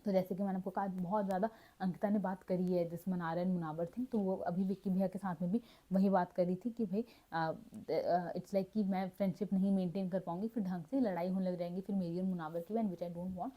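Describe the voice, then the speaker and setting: A woman's voice: on the low side, fairly even intonation, a little fast, mellow. A woman giving a casual, chatty recap as a vlogger, mixing Hindi and English and often correcting herself mid-sentence. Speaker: reality show recap vlogger. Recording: dull lo-fi audio.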